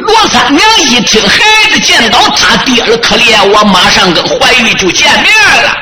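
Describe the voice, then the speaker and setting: A man performing a traditional Chinese story in a dramatic, swooping manner with sudden shouts. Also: very high-pitched, big pitch swings, normal speed, over loud music. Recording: roomy, loud background noise.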